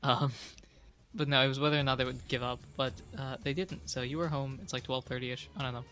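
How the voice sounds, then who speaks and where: A man with a bright, forward voice narrating a tabletop game as game master. He talks in a relaxed, loose way and fills gaps with frequent ums. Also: medium pitch, brisk, soft background music. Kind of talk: casual actual-play narration.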